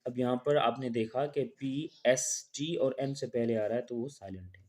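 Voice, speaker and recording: A man's voice: medium pitch, normal speed, darkish tone. A man teaching an English pronunciation lesson, explaining rules step by step. He talks patiently, repeats each rule and example, and asks questions that he answers himself.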